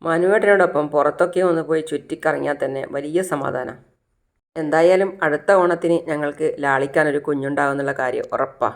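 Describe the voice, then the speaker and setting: A narrator gives voice to a caring young married daughter who speaks earnestly and asks one question after another. The female voice sits low and moves fairly quickly.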